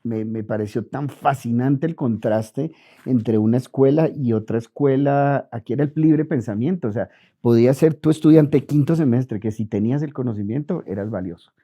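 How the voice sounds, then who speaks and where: A middle-aged Colombian man being interviewed, telling lively stories and acting out quoted dialogue. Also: mid-range voice, normal speed. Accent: Colombian Spanish. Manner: animated anecdotes, acts out quoted dialogue. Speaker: interviewed physician. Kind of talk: relaxed storytelling interview. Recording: dull lo-fi audio.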